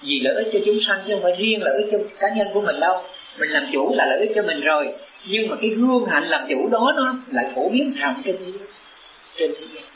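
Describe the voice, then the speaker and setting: A man's voice: sits high, lively intonation, fast, fairly bright tone, slight background noise. A man, a Buddhist teacher giving a sermon to his disciples. He speaks in an earnest, exhorting way and pushes up into urgent emphasis. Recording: roomy, dull lo-fi recording.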